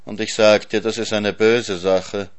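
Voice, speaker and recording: A man's voice: fairly low pitch, little pitch movement, a little slow, natural voice. A man voicing a greedy, moaning male hyena in a storybook reading, with a plaintive, pleading tone.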